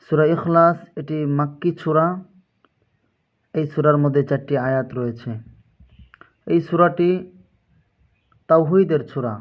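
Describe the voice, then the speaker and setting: A man with a fairly high voice teaches Quran recitation, breaking each word into letters and vowel marks before chanting the verse slowly. The sound is tinny and thin, like a phone line. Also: steady tone.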